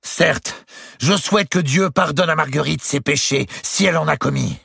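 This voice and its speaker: A man's voice: fairly high pitch, moderate pace, creaky, fairly bright tone, slightly rough, dry recording, studio quality, voice pushed up, full character voice. A man voicing a proud, hostile duke making defiant declarations at court.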